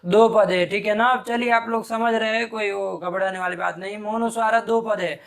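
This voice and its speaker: In a live Sanskrit grammar class, a man with a high, gravelly voice and a steady tone quizzes his students briskly and scolds them sharply whenever they get an answer wrong.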